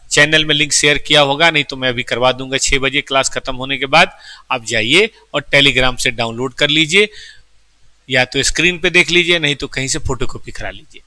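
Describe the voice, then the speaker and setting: A man's voice: mid-range voice, sharp tone, no echo. A man teaching a class, explaining step by step, often asking his students questions and speaking to them affectionately. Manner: affectionate, calls students "beta". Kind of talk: classroom lecture.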